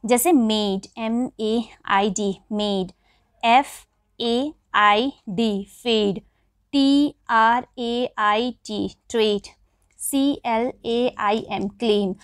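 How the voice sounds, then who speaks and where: A woman with an Indian accent teaching English vowel sounds in Hindi. She spells each word letter by letter and then says it again slowly. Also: a little high, steady tone, clean tone, no echo, studio quality.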